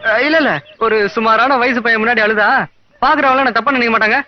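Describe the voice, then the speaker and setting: A cocky young show-off. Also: male voice, very high voice, steady tone, quick pace. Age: young adult. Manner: boastful, then wailing in mock despair. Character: cocky young man showing off to a girl. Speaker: film hero. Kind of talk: film comedy dialogue. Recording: dull noisy old film soundtrack.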